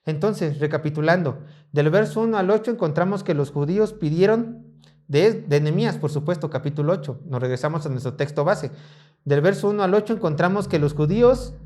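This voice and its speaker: A man with a Mexican Spanish accent preaching a sermon in a church, animated, acting out the voices of the people in the story. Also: high-pitched.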